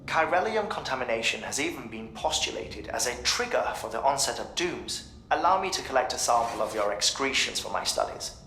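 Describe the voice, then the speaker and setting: A man's voice: mid-range voice, animated, brisk, few pauses, pushed and bright. An actor playing an earnest, clinical male researcher, speaking formally and precisely in a video game briefing. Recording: roomy echo, faint noise.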